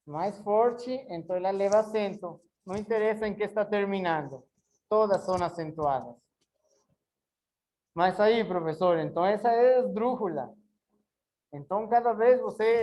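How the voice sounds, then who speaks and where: A woman's voice: mid-range voice, warm tone, low-quality recording. A woman teaching an online class, explaining patiently and drawing out words syllable by syllable. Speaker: Spanish teacher.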